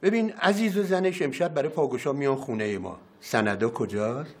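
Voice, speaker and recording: An actor playing a scheming, fawning young man named Farrokh in a TV comedy series, always quick to agree. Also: medium pitch, slightly rough.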